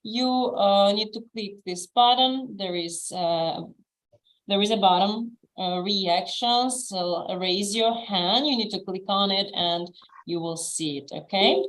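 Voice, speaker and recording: A woman from Russia hosting a live online speaking club over a video call, giving friendly instructions with frequent pauses and fillers. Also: mid-range voice, fairly bright tone, poor audio. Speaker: host and English teacher.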